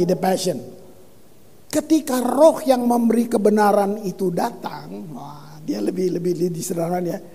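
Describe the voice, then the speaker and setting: A man preaching a lively sermon as pastor, reading scripture and exclaiming. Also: high voice, slightly rough, in a large hall. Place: church hall.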